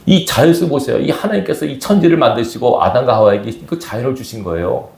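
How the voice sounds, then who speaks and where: A man's voice: medium pitch, quick pace, gravelly. Male pastor preaching in a church, lots of questions to the crowd, big swings in his voice, roomy echo. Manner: lively preaching with rhetorical questions to the congregation. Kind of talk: sermon. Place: church sanctuary.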